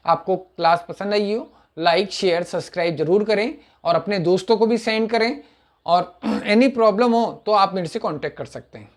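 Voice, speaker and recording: A middle-aged man teaching spoken English online, repeating example sentences slowly and clearing his throat now and then. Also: high-pitched.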